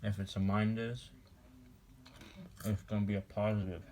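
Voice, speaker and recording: Warm, level and on the low side, the male voice comes from a teenage boy offhandedly guiding a classmate through math on paper. He jokes, snacks and writes as he goes in this slow homemade walkthrough, indoors at home with a little hiss or hum.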